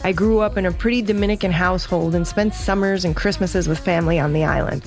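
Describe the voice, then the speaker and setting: A woman's voice: fairly low pitch, fast talker, darkish tone, soft background music. Earnest woman narrating a documentary. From United States. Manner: reflective, earnest storytelling. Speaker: host and narrator.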